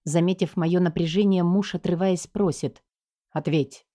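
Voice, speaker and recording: A woman's voice: mid-range voice, normal speed, warm tone. A woman reading a first-person story aloud as an audiobook narrator, in a tense and dramatic way.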